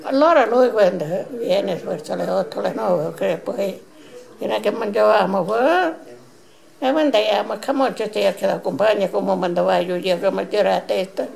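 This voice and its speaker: An elderly woman in her eighties with a southern Italian accent and a gravelly voice, telling old stories casually in dialect as a grandmother, re-enacting bits of old dialogue. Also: medium pitch, normal speed, a little mellow. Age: 80s. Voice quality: gravelly, aged voice. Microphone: handheld camera at arm's length.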